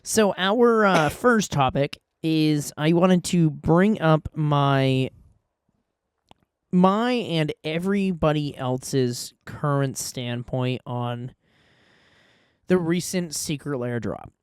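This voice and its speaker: A man's voice: fairly high pitch, slow, clean tone, no echo, clean studio sound. A man co-hosting a casual podcast, reading sponsor spots and laughing easily. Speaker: podcast co-host.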